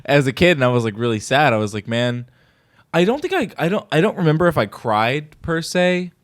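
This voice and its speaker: A man's voice: a little high, very animated, fast talker, no room sound, clean studio sound. A young man from the American Midwest, co-hosting a podcast and telling a rambling story full of fillers and restarts. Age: young adult. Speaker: podcast co-host. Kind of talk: casual chat.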